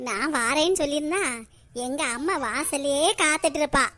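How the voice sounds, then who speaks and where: A woman's voice: high voice, normal speed, a bit bright. A woman voicing a whiny, dim married daughter in a cartoon, with a Kanyakumari Tamil accent. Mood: cheerful. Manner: whining, complaining.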